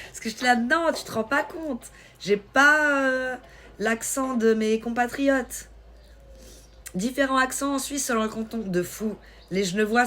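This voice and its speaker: A woman from Switzerland with a light Swiss French accent, hosting a live stream and chatting casually with viewers in a teasing, quick-witted way. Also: mid-range voice, slight background noise. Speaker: livestream host. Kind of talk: casual live-stream chat reading comments.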